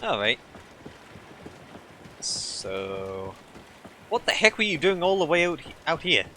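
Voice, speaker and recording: A man's voice: on the high side, big pitch swings, slow pace, bright, forceful tone, a little hiss or hum. A man giving casual, wry, blunt commentary as he streams a video game.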